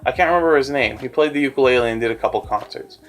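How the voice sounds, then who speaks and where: A man's voice: mid-range voice, rapid-fire, faint music behind. Rambling young man telling a story. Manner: rambling, self-deprecating, animated. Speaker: animator and storyteller. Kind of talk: casual storytime narration.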